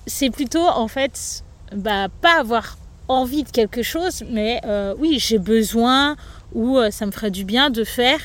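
Chatty yoga teacher lady on a podcast, highish voice, lots of um and like. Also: unhurried. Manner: loose, chatty, many fillers. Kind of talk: casual podcast interview.

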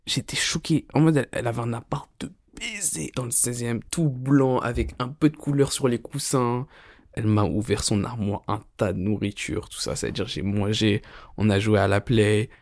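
A man's voice: medium pitch, normal speed, no room sound, studio quality. A young man telling a crude story casually, in slangy rambling talk full of fillers.

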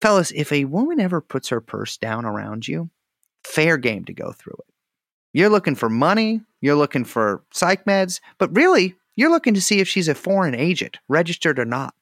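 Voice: mid-range voice, sing-song, moderate pace, a bit bright, no room sound, clean studio sound. A podcast co-host telling a wildly exaggerated comic story in a rambling, profane way.

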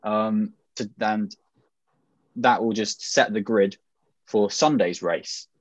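A man's voice: lowish voice, slow, dry recording. A man with a modern British Received Pronunciation accent hosts a podcast in a casual style with wry banter. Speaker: podcast host.

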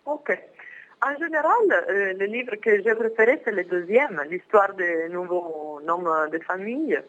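A young woman from Milan speaking French with an Italian accent, Italian her first language, answering interview questions by phone and often pausing to search for words. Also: medium pitch, expressive. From Milan, northern Italy. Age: young adult. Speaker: phone guest. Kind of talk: casual interview. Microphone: telephone. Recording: dull phone line.

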